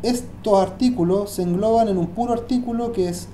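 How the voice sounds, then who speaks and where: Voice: mid-range voice, normal speed, dark tone, roomy sound, slight background noise. A Hebrew teacher gives a language lesson, often hesitating and repeating words while thinking aloud.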